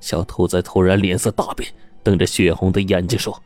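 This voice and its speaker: Low, mellow male storyteller. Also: fairly quick, no echo, faint music behind. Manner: steady, suspenseful telling. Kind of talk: scripted story narration.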